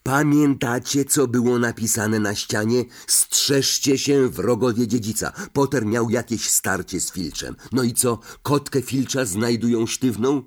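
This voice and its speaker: A man's voice: mid-range voice, measured pace, hardly any pauses, voice pushed up, natural voice. A man doing a pompous, gossiping schoolboy. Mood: conspiratorial. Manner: earnest, conspiratorial, drops to a whisper. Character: pompous, nervous schoolboy, self-important gossip.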